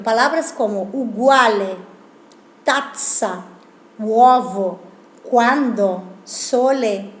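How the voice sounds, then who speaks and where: A woman teaching a language lesson, asking rhetorical questions and explaining with examples. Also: a little high. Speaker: Italian teacher. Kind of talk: video lesson. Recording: echoey room.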